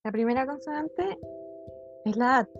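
A woman student answers her teacher's questions in short, plain replies. Her voice sits a little high. The sound is dull and lo-fi, with music clearly heard behind. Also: unhurried.

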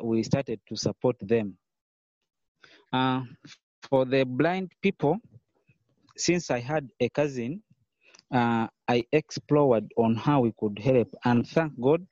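A man, a podcast guest earnestly telling his story in a measured way with pauses. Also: medium pitch, warm tone, no room sound. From Uganda. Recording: dull, lo-fi, dry sound.

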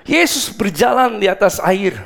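A man preaching a sermon as a pastor, animated, acting out the scripture quotes and slipping in English words. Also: high voice, normal speed, creaky.

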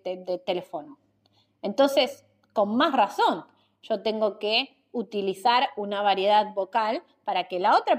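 A woman hosting an instructional podcast, explaining communication skills in a clear, measured, teacherly way with rhetorical questions. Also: medium pitch.

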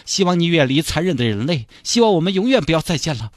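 A man with a Sichuanese accent voicing an excitable, soft-hearted man who gushes and wheedles for a dolphin's life. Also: fast talker, dry recording, soft background music. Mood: tender. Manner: shrill, gushing, wheedling.

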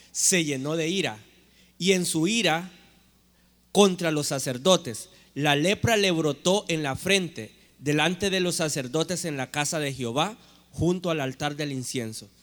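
A man's voice: on the high side, a bit bright. Man reading scripture aloud. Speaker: scripture reader. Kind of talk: reading a Bible passage aloud.

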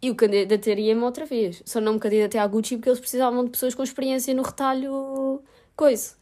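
A woman's voice: a little high, little pitch movement, quick pace, warm tone. A young woman with a European Portuguese accent, talking frankly and self-mockingly in a casual vlog, swearing freely. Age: young adult. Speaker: vlogger.

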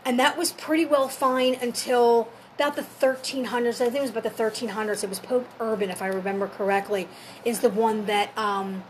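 A woman's voice: on the high side, fairly even intonation, a little fast, slight background noise, poor audio. A woman talking informally as a storyteller, explaining folklore and history step by step in a conversational way.

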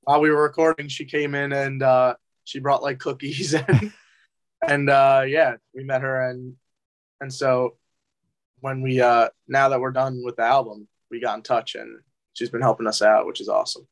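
A man's voice: mid-range voice, little pitch movement, normal speed. A young man from New Jersey, a musician guest, chatting in an easygoing, hesitant way with many fillers. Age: young adult. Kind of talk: casual interview chat.

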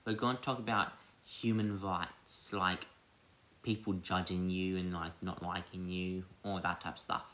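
A man's voice: sits low, flat delivery, measured pace, sharp tone. A young man hosting a casual chat podcast, rambling with many fillers and frequent laughs. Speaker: podcast host. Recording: echoey room.

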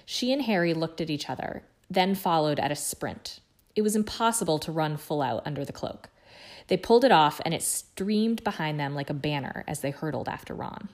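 A woman reading a book chapter aloud in a hushed, suspenseful way. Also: low voice, expressive, normal speed. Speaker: guest reader.

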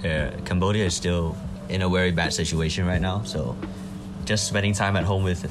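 Deep-voiced young man, slangy frat bro. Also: steady tone, moderate pace, background noise. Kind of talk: casual chat. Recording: music playing behind the voice.

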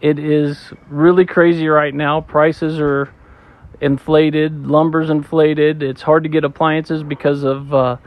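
A man's voice: fairly high pitch, level tone, slow. A man giving chatty, joking answers in a casual interview at a campground. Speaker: interview guest. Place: campground outdoors.

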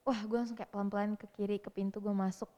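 A young woman telling a story in lively, slangy casual chat, acting out what people said. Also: mid-range voice, quick pace, in a large hall. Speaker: interview guest.

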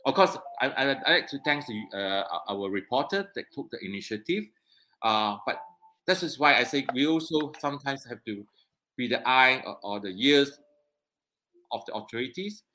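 A man's voice: mid-range voice, lively intonation, normal speed, bright, forceful tone, slight background noise. A man co-hosting a casual talk show, speaking earnestly with many hesitations and restarts. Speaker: regular co-host. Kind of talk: casual chat.

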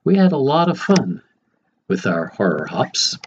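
A man's voice: mid-range voice, big pitch swings, unhurried. An older man hosting a podcast, telling stories from memory in a conversational way with wry asides. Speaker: podcast host. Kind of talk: reminiscing storytelling monologue. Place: home library. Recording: muffled, faintly noisy.

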